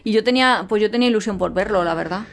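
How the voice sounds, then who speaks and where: Fast-talking woman co-host. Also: medium pitch, creaky, faint music behind. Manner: quick, chatty, cuts in and finishes the other host's sentences. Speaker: podcast co-host. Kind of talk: casual travel storytelling.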